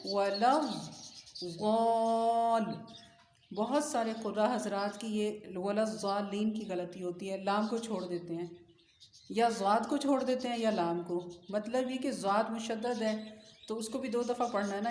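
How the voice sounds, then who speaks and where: A woman teaching Qur'an reading, spelling out letters in slow, drawn-out drills and explaining the method to other teachers. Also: medium pitch. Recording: echoey room with faint noise.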